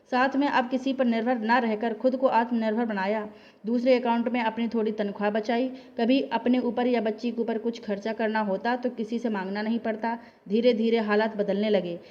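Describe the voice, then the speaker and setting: A woman reads a family story aloud in a steady, measured manner. Her voice sits slightly high, and the recording sounds dull and lo-fi. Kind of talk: scripted story narration.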